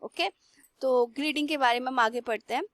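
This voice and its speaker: A young woman teacher slowly reads textbook lines aloud and then explains them in Hindi. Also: sits high, fairly bright tone, no room sound. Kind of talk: classroom lesson.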